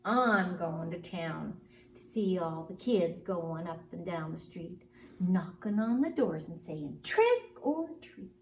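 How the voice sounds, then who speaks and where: A woman voicing an eager, mischievous little male bat in a drawn-out nursery-rhyme chant. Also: lowish voice, expressive. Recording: roomy, distant mic, faint noise.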